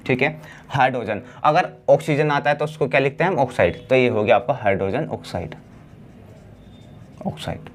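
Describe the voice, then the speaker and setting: A man teaching a class chemistry lesson. He asks the class questions and answers them himself, drawing out the key words slowly. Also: mid-range voice, a little hiss or hum. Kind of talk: blackboard lesson.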